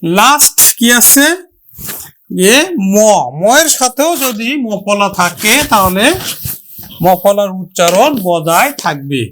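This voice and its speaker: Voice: medium pitch, lively intonation, fairly bright tone. A teacher giving a pronunciation lesson, who stretches out each example word carefully and says it more than once. The teacher asks the listener questions and then answers them. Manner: drawn-out, careful sounding of example words.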